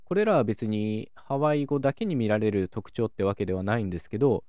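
A man calmly hosting a solo educational talk, explaining the sounds and grammar of a language. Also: on the low side, fairly quick, dry recording. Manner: calm, explanatory, lively intonation. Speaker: podcast host explaining linguistics.

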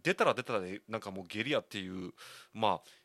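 A man's voice: fairly low pitch, expressive, quick pace, bright, forceful tone, dry recording. A man in his thirties with a Kansai accent, hosting a solo talk show as a candid, rambling storyteller. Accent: Kansai Japanese. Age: 30s. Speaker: podcast host.

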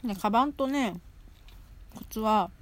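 A woman's voice: fairly high pitch, expressive, measured pace. A woman hosting a solo show in casual, rambling chat, chewing as she talks with food in her mouth and often repeating phrases. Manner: chewing while talking, mouth often full. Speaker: solo audio show host. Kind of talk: casual chat while eating.

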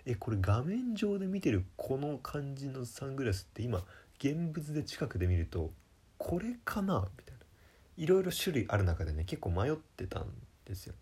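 Young comedian guy rambling casually, low voice, kinda husky, pokes fun at himself. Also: mellow. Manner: self-deprecating, chatty, many fillers. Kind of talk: casual monologue.

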